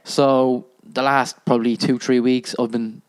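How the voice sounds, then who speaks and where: A man's voice: medium pitch, little pitch movement, a little slow, clean tone. Hesitant, rambling man in casual chat. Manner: hesitant, rambling, many fillers and restarts.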